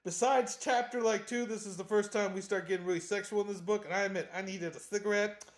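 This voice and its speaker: A book reviewer giving a casual, animated chapter recap, slangy and laughing often. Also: medium pitch, fast. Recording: roomy echo.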